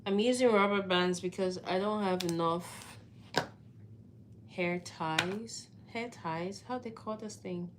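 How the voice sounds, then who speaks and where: A woman's voice: medium pitch, slow, background noise. A young woman from Cameroon chatting casually with viewers on a live stream. She is easygoing and laughs often. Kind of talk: casual livestream chat to viewers.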